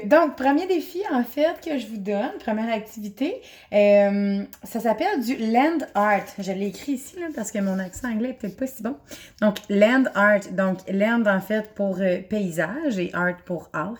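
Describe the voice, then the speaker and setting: A woman's voice: medium pitch, darkish tone. A woman teacher with a Québécois accent, recording a chatty, encouraging video lesson for young children from home. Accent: Québécois French. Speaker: elementary school teacher.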